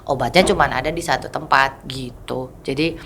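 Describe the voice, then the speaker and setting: A woman's voice: extremely low pitch, moderate pace, a bit bright, slight background noise. A woman in her thirties, a mother giving an interview, telling her story candidly and often acting out what other people said to her. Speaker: mother of a child with a rare condition, interview guest. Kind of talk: casual interview talk.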